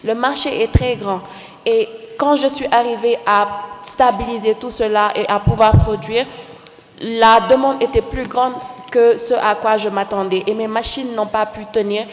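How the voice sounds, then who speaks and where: A woman's voice: a little high, fairly even intonation, normal speed. A woman in her twenties with a Senegalese accent, giving an account as a panelist at a live event. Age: 20s. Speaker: entrepreneur, panelist. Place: large conference hall stage. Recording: echoey hall sound over PA.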